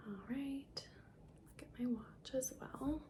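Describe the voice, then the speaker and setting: A woman in a whispered role-play as a caring doctor, speaking softly and breathily with gentle reassurance. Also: high-pitched, takes it slowly. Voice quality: breathy, soft. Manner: soft-spoken, gentle, reassuring, half-whispered. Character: caring, reassuring female doctor giving a check-up. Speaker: ASMR performer playing a doctor.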